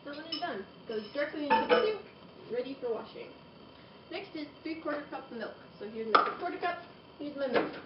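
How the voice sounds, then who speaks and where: This young woman's voice is high, expressive and brisk as she narrates a laid-back cooking demo in her kitchen, chatting and adding playful asides. A camera across the room picks her up, so the home-video audio is roomy, distant, dull and hissy.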